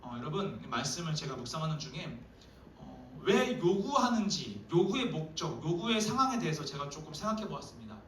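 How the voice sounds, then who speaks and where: A man preaching a sermon to a youth group, lively and acting out quoted dialogue. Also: on the high side, brisk, a little hiss or hum. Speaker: youth pastor. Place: church hall. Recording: echoey hall, voice from a distance.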